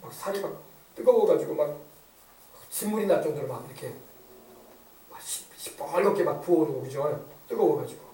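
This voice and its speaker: A man's voice: fairly high pitch, lively intonation, brisk, long pauses, mellow, echoey room, distant mic, poor audio. A male pastor preaching an emphatic sermon, often asking the congregation to agree. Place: church sanctuary.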